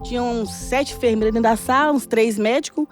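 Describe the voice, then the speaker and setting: Woman telling a lively story. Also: a little high, fairly quick, soft background music. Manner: animated, laughing often, acts out dialogue. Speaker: church guest sharing a testimony. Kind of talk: casual storytelling testimony.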